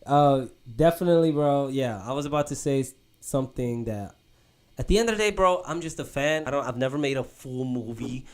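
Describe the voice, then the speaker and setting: A man's voice: mid-range voice, a little fast. Rambling young man chatting on a podcast. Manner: rambling, animated, says "bro" a lot, restarts often. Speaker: podcast host. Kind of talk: casual chat. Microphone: podcast mic.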